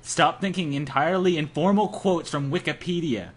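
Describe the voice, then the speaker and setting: Clear background noise runs through this amateur home recording of a young man reading a visual novel. His voice is on the high side and moves at a moderate pace. He's hammy and playful, mixing dramatic reading with joking asides.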